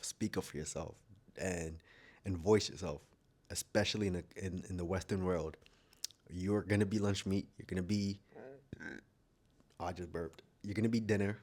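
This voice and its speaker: Man, very low voice, casual vlog monologue, blunt and opinionated, thinks aloud with restarts. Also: a little mellow. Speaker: vlogger.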